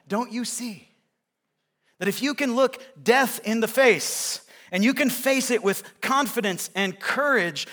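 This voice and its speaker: A man preaching a sermon in a church, talking conversationally and acting out movie lines as he tells a story. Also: high voice. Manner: conversational, animated storytelling with acted-out movie quotes. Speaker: pastor. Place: church sanctuary.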